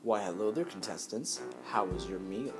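A man's voice: fairly low pitch, normal speed, natural voice. Man playing a theatrical, menacing game-show host. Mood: sinister politeness. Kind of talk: amateur plush-toy cartoon role-play. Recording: music behind the voice.

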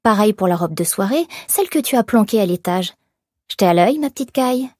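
A woman's voice: medium pitch, animated, a little fast, darkish tone, dry recording, studio quality, natural voice. A woman voicing a sneering drunken shop clerk. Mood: taunting. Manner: sneering, taunting. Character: leering drunken male shop clerk, mocking.

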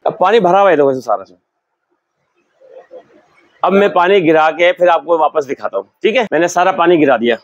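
A man's voice: high-pitched, dry recording, dull audio. Older man, shop owner, explanatory, lapel mic, dry sound. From Pakistan. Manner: explanatory, shows goods while talking. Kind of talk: sales demonstration. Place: large indoor leather shop.

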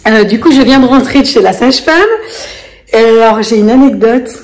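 Chatty woman vlogging, bright high voice. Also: steady tone, a little fast. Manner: chatty, rambling, laughs often. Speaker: family vlogger. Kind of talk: casual chat to camera.

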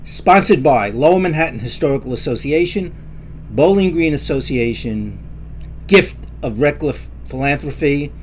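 A man's voice: fairly high pitch, lively intonation, slight background noise. Man giving formal scripted narration. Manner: measured, formal reading.

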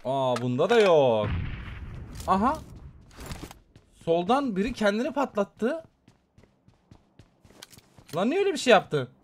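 A gaming streamer man with a fairly high voice calls out his match in rapid, excitable bursts. He talks straight to his viewers the whole time, and a faint noise sits under the recording. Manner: excitable, chatty, talks to viewers while playing. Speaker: gaming YouTuber. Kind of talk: live mobile game commentary.

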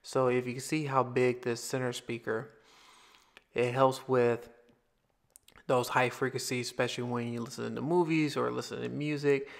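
Male vlogger, mid-pitched, casual rambling product review with frequent restarts. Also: vocal fry. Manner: rambling, repeats himself, restarts phrases. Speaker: tech reviewer.

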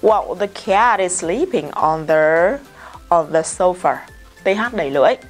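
Vietnamese-accented female English teacher, careful slow drills, brisk asides, faint music bed. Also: fairly low pitch. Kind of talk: vocabulary pronunciation lesson.

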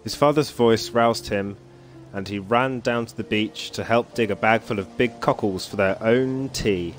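Speaking a bit slowly in a lowish voice, a man plays and streams a game at his home computer. Between frequent chuckles he chats casually, muses to himself, and reads the story text shown on screen, over faint game music.

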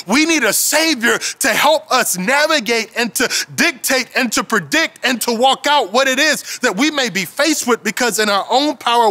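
A man in his thirties preaching a sermon on a lit indoor stage, emphatic, repeating key phrases and dropping to a low hush on declarations. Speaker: pastor. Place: indoor stage with string lights.

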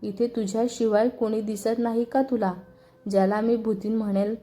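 The mocking, name-calling young rival from a storybook, as a woman narrator reads him. The voice is mellow and a touch raised, and it keeps taunting with a smug, quarrelsome edge. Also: fairly high pitch, fairly even intonation, normal speed, close to an everyday voice.

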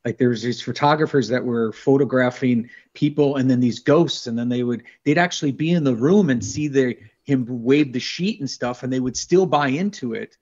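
A middle-aged panel guest with a mid-range, slightly mellow voice talks at a moderate pace with few pauses, earnest and rambling, repeating words as he gets worked up. It's a casual video call discussion from an indoor studio room, and the audio sounds dull and lo-fi.

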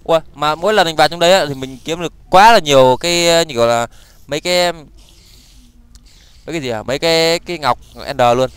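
A young man giving excitable let's-play commentary, with quick stammered repeats and sudden exclamations while he plays. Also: fairly high pitch, clean tone, dry recording. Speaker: gaming YouTuber.

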